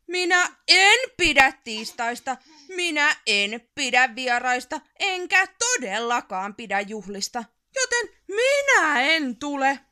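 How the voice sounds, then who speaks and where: A woman voicing a grumpy troll in a storybook, growling and shouting. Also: on the high side, very animated. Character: grumpy troll, loud and snarling, grumbling. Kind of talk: storybook reading.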